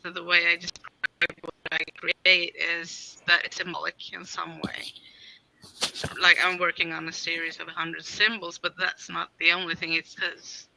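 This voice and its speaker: A woman's voice: lowish voice, little pitch movement, moderate pace, vocal fry, pushed and bright, slight background noise, low-quality recording. A woman from Sweden, an artist and intuitive guide, talking in a thoughtful, meandering way on a video call. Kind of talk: casual video-call chat.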